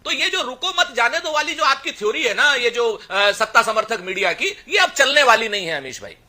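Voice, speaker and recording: A man's voice: very high voice, big pitch swings, brisk, pushed and bright. A man arguing as a party spokesperson in a heated television debate, combative and pushing to be heard. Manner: combative, interrupts, pleads for a turn.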